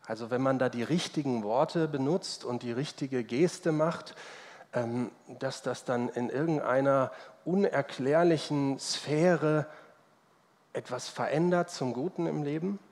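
A man in his thirties gives a sermon at an unhurried, measured pace. His voice has a mid-range pitch and carries long reverb from a church hall. He talks in a conversational, personal way and poses rhetorical questions. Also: a little mellow. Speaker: pastor. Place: church service.

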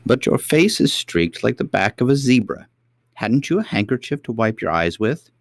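Man doing a gentle ancient queen. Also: mid-range voice, moderate pace, no room sound, clean studio sound, voice pushed up. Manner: gentle, calm, patient. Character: kindly ancient queen grandmother.

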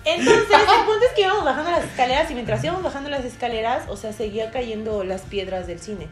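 A young Mexican woman with a Mexican Spanish accent co-hosts a casual podcast, telling a dramatic personal story packed with fillers and shouted, acted-out quotes. Her voice is fairly high and quick, with a roomy sound over music.

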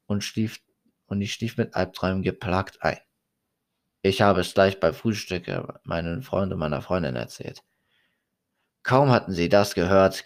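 A man reading a first-person horror story aloud in a slow, deliberate way. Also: low voice.

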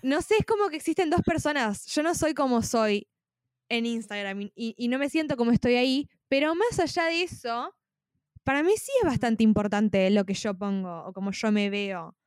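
A woman's voice: fairly high pitch, normal speed, clear, resonant tone, dry recording, studio quality. A woman with a Rioplatense Spanish accent, talking casually as a podcast co-host, with lots of fillers. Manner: conversational, many fillers like "tipo". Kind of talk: casual chat.

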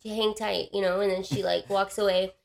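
A woman telling a story in casual podcast chat, animated and swearing, acting out the people in her story. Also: medium pitch, a little fast, gravelly. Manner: animated, swearing, acts out others in her retelling.

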